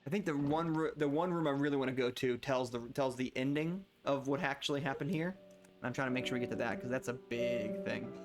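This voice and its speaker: A man's voice: mid-range voice, a little fast, soft background music. A young man streaming a game, chatting casually and reading in-game letters aloud, often stumbling and restarting his words. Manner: rambling, self-correcting, stumbles over words. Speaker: gameplay streamer. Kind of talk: casual let's-play commentary and reading game text aloud.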